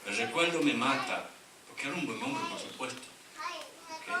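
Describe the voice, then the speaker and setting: A man's voice: medium pitch, heavy background noise. A middle-aged male pastor preaching a sermon, reading scripture aloud and calling on the congregation to answer back. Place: church sanctuary. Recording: echoey church hall from far off, congregation audible.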